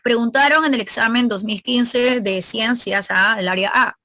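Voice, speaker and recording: Woman teacher running an online review class, bright clear voice, keeps asking the students, dry sound. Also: a little high, normal speed, no echo. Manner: quizzing students, explaining grammar step by step.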